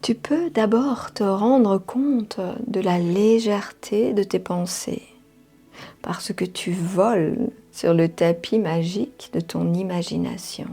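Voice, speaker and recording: A woman leading a guided meditation in a soft, half-whispered voice, soothing, with drawn-out phrases and long pauses. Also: medium pitch, vocal fry, breathy edge. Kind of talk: slow guided hypnotic meditation. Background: music.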